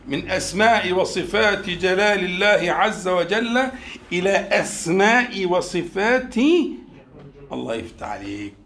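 A man's voice: sits high, vocal fry, fairly bright tone, echoey room. A man with an Egyptian accent teaching a class, quizzing his students and drawing out key words to stress them. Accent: Egyptian Arabic. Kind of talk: classroom lecture on scripture.

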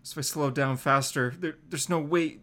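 A man's voice: on the high side, fairly even intonation, moderate pace, sharp tone. A man playing a young wisecracking superhero under pressure in a comic-book reading, with clipped, urgent delivery and sarcastic quips. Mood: desperate, planning.

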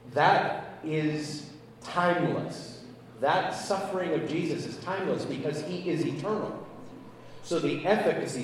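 A man's voice: medium pitch, a little hiss or hum. A man, a pastor, preaching a sermon and telling a story in an earnest way, acting out the conversation with emphatic rises. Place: large church. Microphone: handheld mic. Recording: echoey church hall, distant mic.

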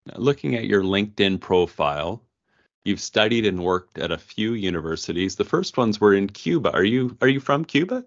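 A man hosting a podcast, reading a scripted intro and asking his guest measured, friendly questions. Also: on the low side, animated, dull audio. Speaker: podcast host.

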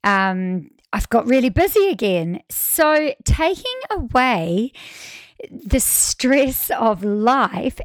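A woman in her forties, a guest in a casual conversation, who talks in a chatty, expressive way, laughs often and acts out the voices she quotes. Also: on the high side, no room sound. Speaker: podcast guest.

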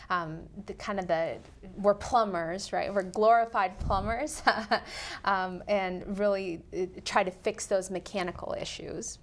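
A woman cardiac surgeon on a call-in medical show, explaining procedures in plain terms and laughing easily. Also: lowish voice.

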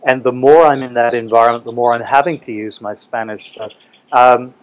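A man's voice: mid-range voice, steady tone, a little fast, no room sound, low-quality recording. A man from New Zealand talking casually as a guest in an interview. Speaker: interview guest, English teacher.

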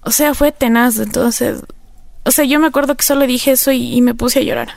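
Gravelly woman telling her story. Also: fairly high pitch, steady tone, brisk, slight background noise. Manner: earnest, reflective, many filler phrases. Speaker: interview guest. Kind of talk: personal testimony in conversation.

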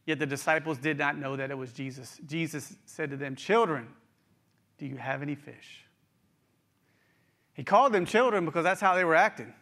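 Man preacher, West Virginia accent, middle-aged, fairly high voice, folksy sermon delivery, direct address. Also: quick pace, hardly any pauses, pushed and bright. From West Virginia, United States.

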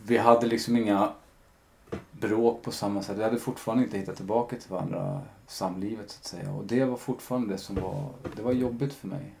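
Gravelly low-voiced man telling his story. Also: steady tone, a little mellow, a little hiss or hum. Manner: reflective, retells conversations with frequent fillers. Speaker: podcast guest. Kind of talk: candid personal storytelling.

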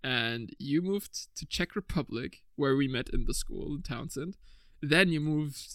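A young man in his twenties hosts a laid-back podcast, talking in a rambling, chatty way and laughing often. His voice sits a touch high for a man, and the sound is dry and close. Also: animated, measured pace, fairly bright tone, dry recording. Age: 20s. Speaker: podcast host. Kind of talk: casual chat.

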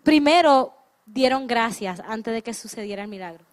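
High-voiced woman interpreting a sermon. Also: animated, moderate pace. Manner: translates phrase by phrase with restarts and hesitations.

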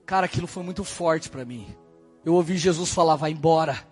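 A man from Brazil, a pastor, telling his testimony in a sermon, swinging from shouts to hushed quiet speech. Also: fairly high pitch, brisk. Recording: faint music behind.

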